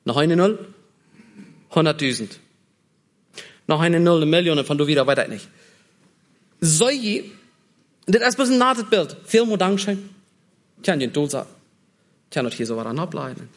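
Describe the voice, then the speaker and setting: A man preaching a sermon, often repeating key phrases for emphasis and pausing mid-sentence as he searches for words. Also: fairly high pitch, very animated.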